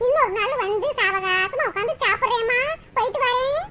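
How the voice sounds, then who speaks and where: A woman doing a meek village mother in a cartoon, who soothes her daughter softly in a very high, squeaky voice. She is gentle and affectionate. Clear noise runs under the recording. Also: fairly quick. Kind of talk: cartoon dubbing. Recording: noisy recording.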